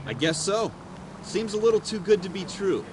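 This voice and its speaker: A man's voice: high-pitched, sing-song, moderate pace, a crowd in the background. An actor playing a sarcastic, doubtful male police partner in a crime video game. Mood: sardonic.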